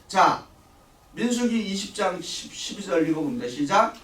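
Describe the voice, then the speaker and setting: A man's voice: sits high, sing-song, moderate pace, fairly bright tone. A middle-aged man leading a church Bible study, lecturing and firing questions at the class before answering them himself. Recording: echoey room, voice from a distance.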